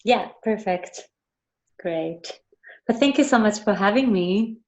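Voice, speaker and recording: A woman's voice: mid-range voice, animated, slow, a little mellow, highs cut off. A young woman from Japan who grew up in the Netherlands, a guest speaker on a video call, polite and a little hesitant, with fillers. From Japan, raised in the Netherlands. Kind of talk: online meeting talk.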